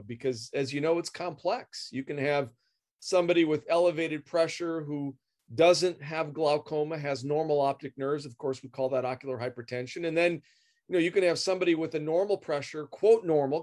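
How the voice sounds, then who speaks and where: Middle-aged man explaining, halting. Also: on the high side, darkish tone. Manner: explanatory, many repeated words and fillers. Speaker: guest expert. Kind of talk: professional interview.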